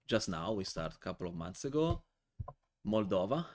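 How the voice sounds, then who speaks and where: A man in his forties from Italy with an Italian accent, a guest telling animated, joking stories in a casual podcast interview. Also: lowish voice, moderate pace, a little hiss or hum. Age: 40s. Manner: animated, joking storyteller in non-native English. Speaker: guest, wine importer.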